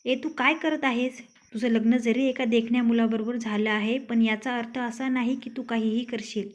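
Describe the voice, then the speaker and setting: A woman's voice: fairly high pitch, steady tone, normal speed, close to an everyday voice. A woman voicing a rude, arrogant young husband in a storybook tale, speaking in a taunting, scolding way. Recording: dull lo-fi recording.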